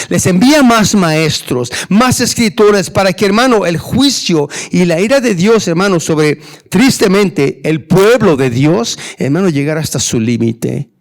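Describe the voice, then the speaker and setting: Un pastor predicando con fervor en español, haciendo preguntas retóricas y llamando "hermano" a sus oyentes. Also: male voice, high-pitched, animated, unhurried. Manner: earnest preaching, often addressing "hermano", rhetorical questions. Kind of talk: sermon.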